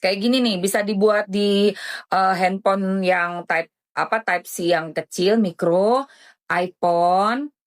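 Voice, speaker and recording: A woman's voice: medium pitch, slow pace. A woman doing live-stream commentary in a dramatic, indignant way, often calling her listeners darling.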